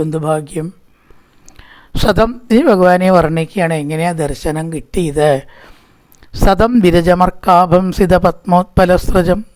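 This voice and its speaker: A man's voice: a little high, a little mellow. Man chanting verses and explaining them. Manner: chants Sanskrit verses slowly, then explains in easy conversational speech. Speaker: scripture teacher. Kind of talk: verse-by-verse scripture discourse.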